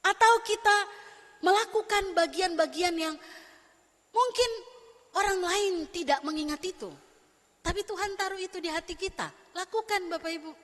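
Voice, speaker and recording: A woman pastor preaching a lively, fast-talking sermon and acting out bits of everyday conversation with her congregation. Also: very high-pitched. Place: church sanctuary. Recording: long church hall reverb.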